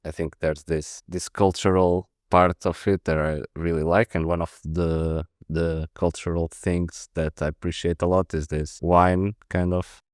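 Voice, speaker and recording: Deep-voiced Portuguese man, halting speech. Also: flat delivery, darkish tone, no room sound, clean studio sound. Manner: hesitant, many restarts and fillers. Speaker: podcast guest, protocol lead. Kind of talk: casual interview answers.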